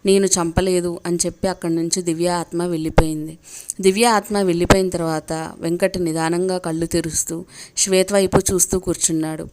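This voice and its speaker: Calm woman telling a ghost story. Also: fairly low pitch, a little fast.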